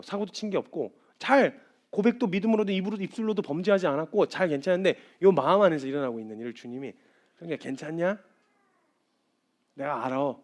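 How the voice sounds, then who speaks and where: A young man preaching a sermon as a missionary, swinging from soft, confiding lines to loud, impassioned outbursts and acting out quoted speech in a gentle hush. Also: high-pitched. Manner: acts out quoted dialogue in a gentle hushed voice.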